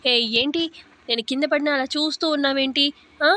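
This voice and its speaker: Bossy young husband, read by a woman narrator: high, bright, constantly scolding. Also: steady tone, moderate pace. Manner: scolding, complaining.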